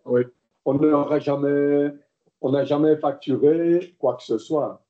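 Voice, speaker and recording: A man chairing a council meeting as mayor, explaining at length with many hesitations, recorded with dull low-fidelity sound. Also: fairly even intonation, slow pace. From Belgium. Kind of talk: council debate. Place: council chamber.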